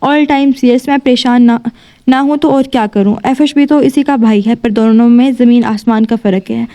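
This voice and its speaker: A woman's voice: a little high, steady tone, normal speed, warm tone, close to an everyday voice. A woman voicing a worried middle-aged father. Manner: troubled, pleading.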